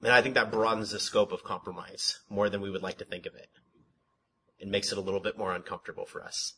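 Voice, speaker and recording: This man's lowish voice moves at a quick pace as he teaches a Bible study in a chatty, sermon-like way. He repeats points, restarts words, throws out rhetorical questions, and labels his voice monotone; the audio is poor, with slight background noise.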